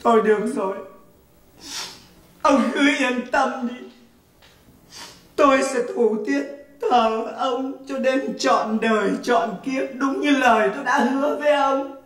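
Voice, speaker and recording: A woman playing a brash, newly widowed wife in a stage comedy sketch. She scolds fast and bossily, then sings slow, mock-mournful laments. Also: high voice. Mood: bossy, scolding. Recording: echoey stage audio from far off, with music.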